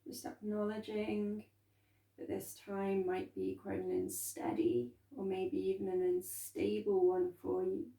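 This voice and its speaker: A woman instructor leading a calm grounding meditation, speaking gently and unhurriedly with soft pauses. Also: medium pitch, gravelly. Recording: roomy echo, distant from microphone.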